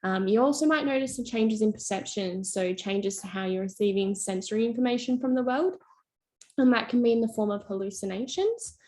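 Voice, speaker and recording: A woman's voice: mid-range voice, brisk, mellow. Young woman talking thru workshop slides, encouraging, lots of ums. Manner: encouraging, uses fillers. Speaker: youth mental health presenter. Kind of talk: workshop presentation.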